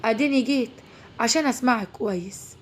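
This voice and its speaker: A woman voicing a calm, firm young man with an Egyptian Arabic accent. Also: fairly high pitch, fast talker, slight background noise, natural voice.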